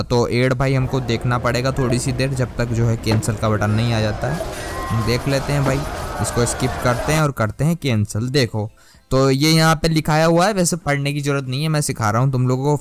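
A man's voice: mid-range voice, no room sound. A man hosting a gaming channel, talking viewers through a mobile game tutorial in a casual, chatty way and calling them guys and brother.

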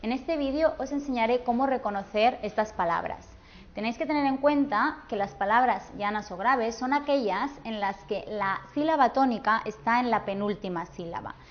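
A woman teacher with a Peninsular Spanish accent gives a classroom grammar lesson in a fairly high voice. She draws out each example word slowly and clearly. The sound is dull and lo-fi. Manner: slow, clear, drawn-out pronunciation of example words.

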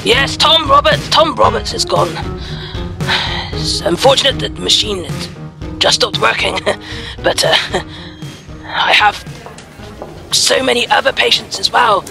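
Brief: a man as a busy doctor, high gravelly voice, impatient, music under. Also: big pitch swings, exaggerated voice. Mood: harried. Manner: rushed, impatient, repeats "yes, yes". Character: harried, brusque hospital doctor. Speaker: improv actor.

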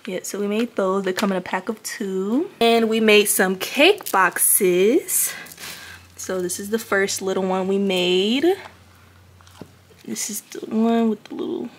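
A young woman chatting casually in a vlog, showing off things she has made and gushing over them. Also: mid-range voice. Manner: gushing, chatty show-and-tell. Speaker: crochet vlogger.

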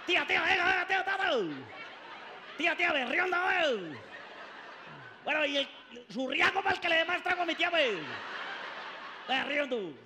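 A man's voice: very high voice, long reverb tail, noisy background, voice pushed up. A man doing a hollering paisa country cousin. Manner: loud, hollering, rustic slang. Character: rowdy rural male cousin, boisterous.

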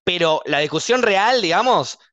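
Young argentine man, podcast host, passionate emphatic delivery, slightly high voice, dry close sound. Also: expressive, normal speed, fairly bright tone, no room sound, lo-fi sound. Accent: Argentine Spanish. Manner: emphatic and passionate, sounds angry when arguing. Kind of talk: casual podcast chat.

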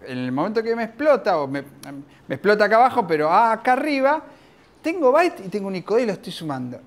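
A man with an Argentine accent giving an informal, lively technical talk at a conference, often restarting his sentences. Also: high voice, quick pace. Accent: Argentine Spanish. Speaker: conference speaker. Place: conference room.

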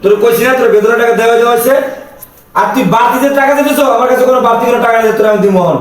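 Man as a nasty boss, bengali accent, talks super fast, highish, echoey room. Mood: bullying. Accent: Bangladeshi Bengali. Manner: harsh, bullying, sneering. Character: cruel, contemptuous male employer. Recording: echoey room, mic far off.

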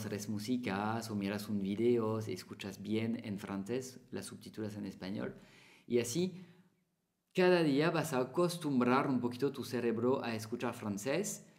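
A man's voice: on the low side, darkish tone. Chatty teacher man. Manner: chatty, repeats phrases, small Spanish slips. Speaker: French teacher. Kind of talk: casual spoken lesson to camera.

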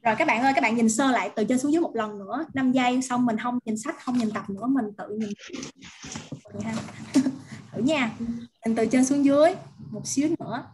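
High-voiced woman teacher with a Vietnamese accent. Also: a little mellow, slight background noise. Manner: prompting students, repeating words slowly. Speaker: English teacher. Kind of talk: online vocabulary drill.

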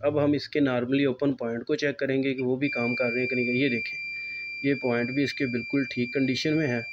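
Flat-voiced man explaining repairs. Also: medium pitch, fairly quick, lo-fi sound, very noisy. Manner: calm, explanatory, pointing things out. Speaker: repair technician. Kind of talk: step-by-step repair tutorial. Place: electronics repair workbench indoors.

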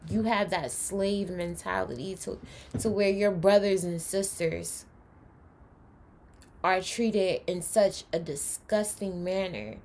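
A woman's voice: medium pitch, slow, a little mellow. A woman hosting a reaction video, speaking passionately and emphatically, sometimes lecturing her viewers. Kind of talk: reaction commentary. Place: indoors, home room.

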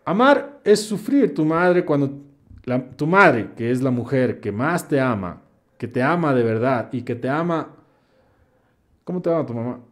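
On his live stream, a young man speaks at a medium pitch and a moderate pace. He reads his viewers' comments aloud, then responds with blunt, slangy answers that lean toward preaching.

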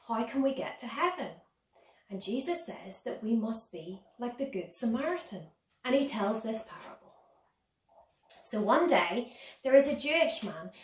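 A woman in her thirties teaching a children's Sunday school lesson, explaining simply and asking her young listeners questions. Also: on the high side. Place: dining room at home, indoors. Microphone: camera a couple of metres away. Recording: roomy, distant phone-camera recording.

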